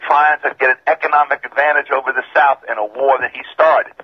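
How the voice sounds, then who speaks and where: A man from Georgia calling in to a radio show, insistent and calmly argumentative, his voice tinny and metallic over a bad phone line. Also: mid-range voice, fast, breathy edge. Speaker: caller. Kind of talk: call-in radio caller.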